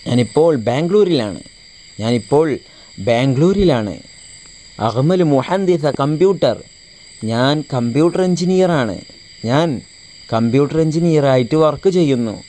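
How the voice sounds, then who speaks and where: A man's voice: medium pitch, expressive, moderate pace, dark tone, slight background noise. A male Arabic teacher giving a classroom lesson and translating a text line by line, repeating each phrase.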